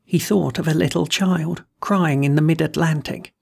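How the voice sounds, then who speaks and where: A gravelly, husky voice reads a classic ghost story aloud. The delivery is measured and deliberate, as a host narrating a tale. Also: medium pitch, steady tone. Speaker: host and reader of a horror story.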